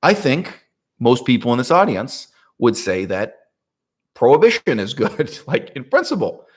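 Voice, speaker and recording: A man talking through a political topic in a casual monologue, rhetorical and animated, often checking in with "right?" and laughing mid-sentence. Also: mid-range voice, unhurried, breathy edge. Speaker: political commentator.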